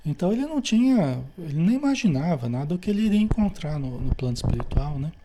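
A man's voice: on the high side, big pitch swings, fast, noisy background. A man with a Brazilian accent leading a study group, reading aloud from a spiritual book and explaining it, checking with listeners after nearly every phrase. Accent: Brazilian Portuguese.

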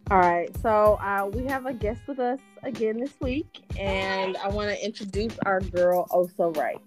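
A woman hosting a casual podcast chat and introducing a guest in a relaxed way. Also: medium pitch, moderate pace, music in the background. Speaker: podcast host.

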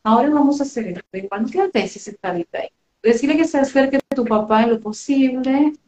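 During a live spiritual reading, a woman with a Rioplatense Spanish accent acts as a medium relaying messages, speaking tenderly and affectionately. Her high, darkish voice moves briskly, captured in a reverberant, low-quality recording.

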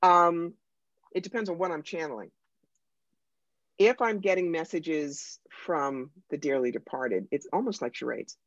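An American psychic medium talks in an animated, emphatic way with a dry wit. The voice sits in the middle register. The sound is dry and slightly dull, like a modest lo-fi recording. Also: medium pitch, unhurried, no room sound. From United States. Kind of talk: conversational interview storytelling.

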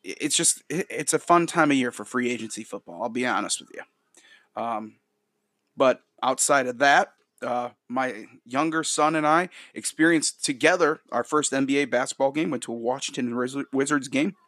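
A man's voice: mid-range voice, normal speed, a bit bright, no room sound, studio quality. A man from upstate New York hosting a sports podcast, talking casually and with opinion, repeating phrases for emphasis. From Rochester, New York, United States.

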